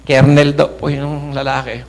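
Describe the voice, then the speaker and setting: A middle-aged Filipino man gives an earnest church testimony, addressing the congregation as brothers and sisters. His voice is a little high, monotone, creaky, and unhurried.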